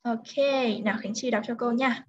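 A woman tutoring a pupil one-on-one in English vocabulary, saying each word slowly and carefully for the pupil to repeat. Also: on the high side, fairly even intonation, slightly rough, dull audio. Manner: slow, careful word-by-word pronunciation modeling.

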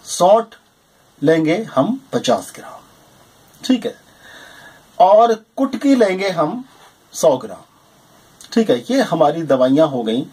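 A man's voice: a little high, slow pace, long pauses, breathy edge. A man in his forties animatedly explaining a herbal home remedy to viewers, with frequent emphatic affirmations, recorded at desk distance in a small room. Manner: animated and emphatic, with repeated "jī hāṃ" and "ṭhīk hai". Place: small indoor room lined with shelves of medicine bottles.

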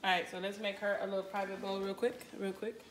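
A middle-aged woman, a mother, walking through a recipe in her home kitchen with a relaxed, dry, offhand manner. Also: mid-range voice, fast talker. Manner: relaxed, dry, brushing off teasing. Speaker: mother cooking on camera. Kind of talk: casual cooking demonstration. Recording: noisy kitchen with frying sizzle.

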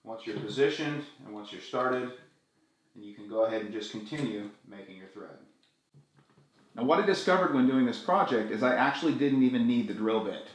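A middle-aged man hosting a gear tutorial, walking through each step in a friendly, clear way. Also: medium pitch, animated, brisk. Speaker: video tutorial host. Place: small room indoors, echoey. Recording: very echoey room.

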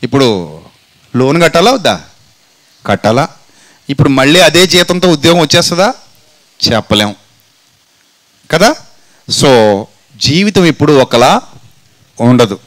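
A man delivers a sermon in a sing-song manner, asking his listeners questions and answering them himself. He acts out people's words as dialogue and drops into low, slow phrases for effect, captured on a low-quality recording.

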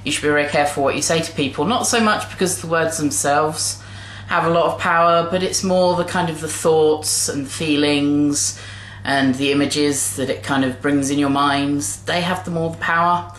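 Young woman vlogger with a low, gentle, hesitant delivery, recorded on a webcam in a small echoey bedroom with faint hiss. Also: normal speed. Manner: gentle, hesitant, many fillers. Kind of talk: casual video response. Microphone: webcam at desk distance.

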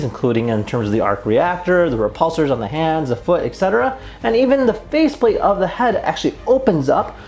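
A young adult man with a slightly high, somewhat mellow voice hosts an unboxing and review video from a small indoor room. He keeps things casual, upbeat and conversational as he presents the product.

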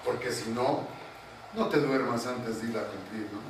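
A priest telling a parable in a colloquial sermon to a group, often asking the listeners. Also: male voice, medium pitch, moderate pace. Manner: storytelling, colloquial, asks the audience. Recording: echoey room, far from mic, faint noise.

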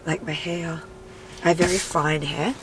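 A woman's voice: low-pitched, steady tone, measured pace, slight background noise, low-quality recording. A woman in her thirties with a nasal, congested voice from a cold, chatting candidly to camera from her car with plenty of "like" fillers. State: sick with a cold. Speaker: vlogger and mum. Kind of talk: casual car chat to camera. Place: inside a parked car.

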